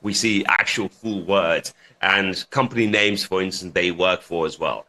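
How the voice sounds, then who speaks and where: A man, born in Lithuania and raised in the UK, speaking haltingly as a guest on a radio talk show. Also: low-pitched, pushed and bright. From United Kingdom. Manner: halting, restarts often, laughs easily.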